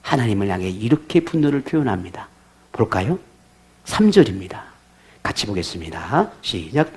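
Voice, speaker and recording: A man's voice: lowish voice, very animated, normal speed, darkish tone, husky. A male pastor preaching a sermon, asking his congregation rhetorical questions.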